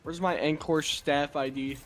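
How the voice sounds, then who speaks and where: A man's voice: fairly high pitch, steady tone, measured pace, fairly bright tone, soft background music. A man joking and teasing his friends on a livestream. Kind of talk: casual banter.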